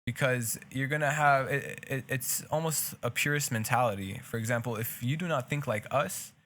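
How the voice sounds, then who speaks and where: With a mid-range, slightly bright voice at a moderate pace, a young podcast co-host whose native language is Hebrew speaks with a Hebrew accent. The show is casual, and he talks earnestly in drawn-out, wandering stretches that keep restarting.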